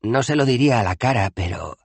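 A man voicing a timid, eager male tourist in an audiobook, talking in an animated, excited way. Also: mid-range voice, a little fast, creaky, breathy edge, no room sound, voice pushed up. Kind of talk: audiobook character voice.

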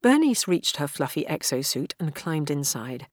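A woman reading a novel aloud in a measured, even storytelling manner. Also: deep voice, dry recording, studio quality. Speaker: audiobook narrator. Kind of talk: scripted narration.

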